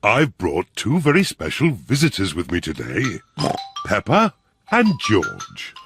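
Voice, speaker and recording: A jolly father pig in a preschool cartoon, gravelly and very animated. He takes his time and sounds gentle, proud and fatherly. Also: on the low side, measured pace, faint music behind, exaggerated voice. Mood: jovial, gentle. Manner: jovial, fatherly, chuckling.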